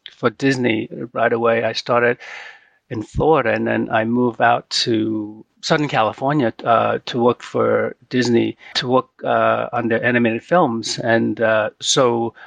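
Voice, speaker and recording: Gravelly-voiced man, halting interview guest. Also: medium pitch, fairly bright tone, no room sound. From China. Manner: halting, many fillers. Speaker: guest artist. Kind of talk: casual interview.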